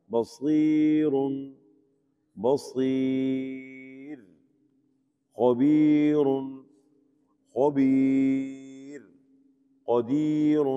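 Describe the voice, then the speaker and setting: A man with a Pakistani Urdu accent teaching the rules of Quran recitation to a class, patiently asking questions and answering them himself and drawing out example words slowly. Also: medium pitch, darkish tone, in a large hall. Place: mosque teaching hall.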